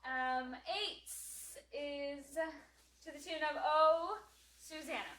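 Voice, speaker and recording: A woman's voice: high voice, drawn-out words, fairly bright tone, roomy sound, slight background noise, poor audio. A woman tutor walking through memory work, explaining hand motions and singing skip counts. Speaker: homeschool class tutor.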